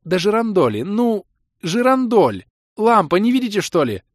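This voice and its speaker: Man squeaking as a gushing young thief girl. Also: sing-song, a little fast, darkish tone, no room sound, studio quality. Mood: indignant. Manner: squealing, indignant. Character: excitable young woman thief, bossy and gushing.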